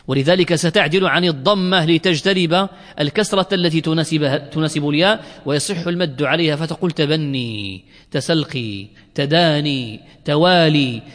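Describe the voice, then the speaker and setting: A man's voice: a little high, a bit bright. A man teaching a class, explaining verses line by line, questioning his students and drilling examples. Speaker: teacher of Arabic morphology. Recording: long hall reverb.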